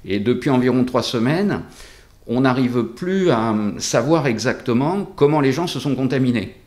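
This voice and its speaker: A man is interviewed as a local doctor, talking through a face mask. His pitch is average, and he explains carefully, with hesitations and pauses between phrases. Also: expressive, a little mellow.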